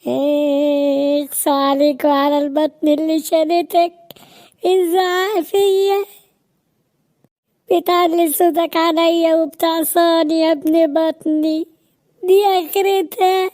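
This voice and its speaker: A woman's voice: high voice, fast, darkish tone, natural voice. Woman playing a melodramatic Egyptian cartoon mom. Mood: wailing. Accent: Egyptian Arabic. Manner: melodramatic, nagging. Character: overbearing middle-aged mother, dramatic and tearful.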